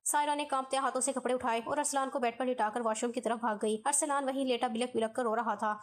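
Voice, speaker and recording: A woman reading a scripted first-person family drama story at a steady, even pace. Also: a little high.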